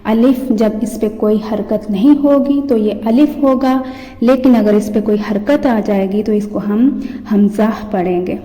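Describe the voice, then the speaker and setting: A woman teaching Quran reading, drilling each syllable in a steady, deliberate call-and-repeat pattern. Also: a little high. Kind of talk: slow instructional teaching with recited drills. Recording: echoey room with long reverb.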